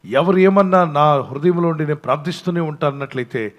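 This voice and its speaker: A man with a fairly high voice preaches a sermon as pastor. He moves between quiet, gentle passages and loud, emphatic ones, and he also leads the congregation in prayer. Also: brisk, lo-fi sound.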